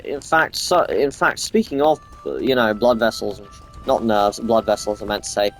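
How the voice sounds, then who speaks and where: A man's voice: lowish voice, animated, moderate pace, soft background music. A man giving casual gameplay commentary, rambling, swearing freely and restarting his sentences. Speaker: gamer playing on camera.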